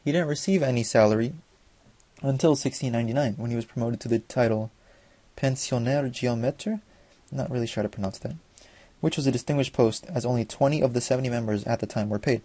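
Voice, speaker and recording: A young man, a student, reading a school presentation from notes, fast and with small slips and restarts. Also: mid-range voice, steady tone, warm tone, husky, dry recording.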